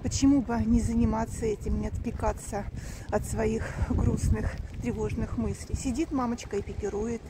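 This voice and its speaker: Woman, 50s, chatty vlogger speaking to camera outdoors, phone at arm's length, fairly high voice, noisy outdoor recording. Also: steady tone, normal speed. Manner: chatty, talks straight to viewers, earnest. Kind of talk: casual walking vlog. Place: outdoors, street and cemetery.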